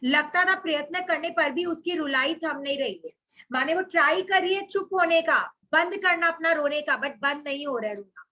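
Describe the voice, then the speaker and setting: A woman teacher explains a Hindi literature chapter, reading story passages aloud and going through them line by line while mixing in English words. Her voice is high, bright and forceful at a normal speed, and the audio is lo-fi.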